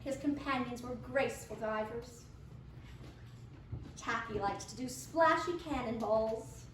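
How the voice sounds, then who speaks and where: A woman's voice: on the high side, a little slow, a bit bright. A woman narrating a scripted children's storybook as part of a readers' theater. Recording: echoey room, distant, faint noise.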